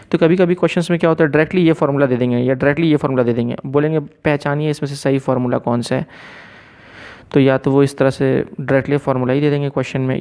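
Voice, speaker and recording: A man teaching a recorded physics lesson, mixing Hindi with English terms, explaining slowly and checking in often with his students. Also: medium pitch, darkish tone.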